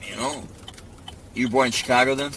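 A man's voice: mid-range voice, fairly even intonation, a little fast. A man talking as an arresting officer, chatting informally and asking questions while driving a police vehicle. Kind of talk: casual chat with a detainee while driving. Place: inside a moving police vehicle. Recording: very noisy police car cabin, road noise. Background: loud vehicle noise.

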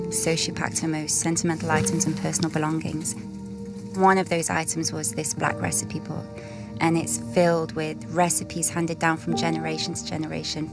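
A woman from Syria with a British accent, a food company founder, narrating her story in a heartfelt, reflective way. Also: low-pitched. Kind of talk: documentary-style narration. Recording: video with loud music behind. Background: loud music.

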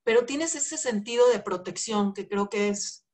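A woman's voice: mid-range voice, normal speed, a little mellow. Middle-aged Mexican woman hosting an interview. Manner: reflective, with fillers like "este" and "pues". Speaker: host. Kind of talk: casual interview talk.

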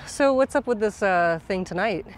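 A woman interviewing a friend outdoors, asking relaxed, teasing questions. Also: mid-range voice, a little slow, slight background noise, low-quality recording. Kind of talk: casual interview chat. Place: outdoors on a bench beside a sidewalk.

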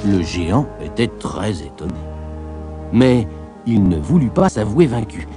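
A man narrating a storybook tale in an expressive, lilting way. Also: on the low side, measured pace, over music.

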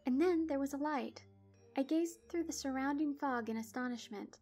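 A woman's voice: sits high, moderate pace, a little mellow, soft background music. A woman telling a spooky story in the first person, wry and dramatic. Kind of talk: scripted horror story narration.

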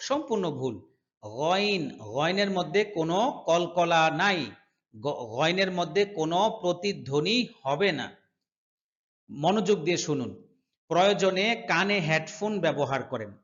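A high-voiced man leads a recitation lesson, drawing each phrase out slowly and repeating it before quick explanations of pronunciation. The recording is dull and lo-fi. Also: a bit bright. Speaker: Quran recitation teacher.

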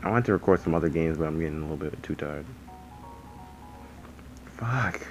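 A man's voice: rumbling low, brisk, faint music behind, low-quality recording. A man giving rambling, casual gameplay commentary, sleepy and yawning, swearing often. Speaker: gaming channel host.

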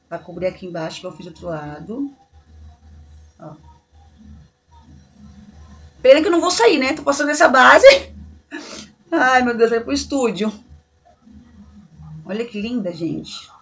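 Gushing Brazilian beauty vlogger woman. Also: fairly high pitch. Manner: gushing, chatty, talks straight to viewers as friends. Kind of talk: casual makeup review vlog. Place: bedroom at home. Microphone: camera mic in a bedroom.

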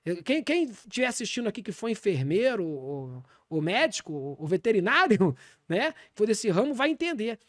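A man with a Brazilian Portuguese accent playing a shameless self-styled apostle in a deadpan comic podcast monologue, rambling with preachy asides. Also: high voice, moderate pace, no echo, studio quality. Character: brash, shameless male pastor calling himself apostle.

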